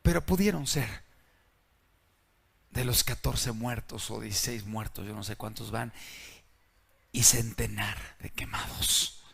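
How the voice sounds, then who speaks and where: A man preaching a sermon in a dramatic way, dropping to a hush and then shouting. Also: on the low side, a little slow, creaky, pauses often, husky. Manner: dramatic, swings between hushed and shouting.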